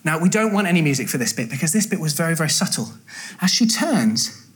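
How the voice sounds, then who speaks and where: A woman leading a children's talk. She tells the story in a lively, playful way and asks the children questions. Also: deep voice, fast talker.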